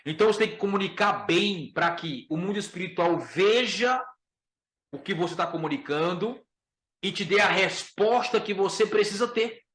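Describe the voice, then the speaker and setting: Brazilian preacher in an echoey room. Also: male voice, sits high, normal speed, a bit bright. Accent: Brazilian Portuguese. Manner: emphatic, repeats key phrases, addresses listeners as brother. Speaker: pastor teaching a class. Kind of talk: Bible lesson.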